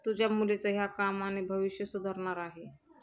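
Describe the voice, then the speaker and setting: A woman's voice: medium pitch, fairly even intonation, moderate pace, lightly acted. A woman voicing a scheming young daughter-in-law who coaxes and plots in a story recap. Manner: plotting, coaxing.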